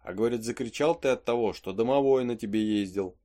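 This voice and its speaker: A man's voice: medium pitch, brisk, dark tone, lightly acted. A man voicing a rambling superstitious peasant servant. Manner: chatty folksy storytelling with asides. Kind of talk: audiobook reading of a play.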